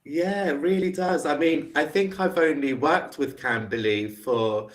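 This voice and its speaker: Speaking from his UK home on a casual video call, an English tutor with a London accent keeps the conversation going with lots of warm, encouraging questions. His voice leans high and he talks a little slowly.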